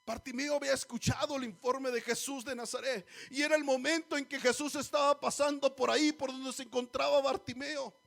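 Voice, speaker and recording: A man's voice: extremely high pitch, fairly even intonation, brisk, gravelly, hardly any pauses, fairly bright tone. A man preaching a sermon in church, exhorting the congregation, often calling them brothers and asking them rhetorical questions. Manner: exhorting, often calls listeners "hermanos", asks rhetorical questions.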